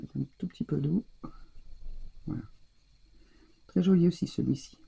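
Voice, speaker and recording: Gravelly, dark-voiced woman demonstrating crafts. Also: sits low, unhurried. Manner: talks straight to viewers while working, restarts and trails off. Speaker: craft tutorial host. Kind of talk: chatty hands-on craft demonstration.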